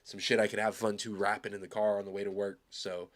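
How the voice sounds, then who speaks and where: Here the Arizona reaction host talks fast in a lowish, flat voice while responding live to a new song. Even so, his casual commentary stays loose, rambling, filler-heavy and enthusiastic.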